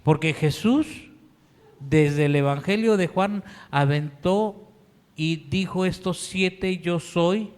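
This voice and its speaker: A male pastor with a Mexican Spanish accent preaches slowly and earnestly, his pleading voice sitting a little high. It rings out with the long reverb of a church hall. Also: a little mellow. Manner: earnest, pleading, slow deliberate delivery. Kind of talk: sermon. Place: church sanctuary.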